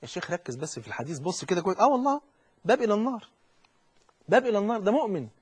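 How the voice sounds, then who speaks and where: A man with an Egyptian accent preaching a lively colloquial sermon, speaking straight to the listener and acting out the people he quotes. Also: high-pitched, racing, slightly rough. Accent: Egyptian Arabic. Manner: animated, addresses listener directly, acts out quoted speech.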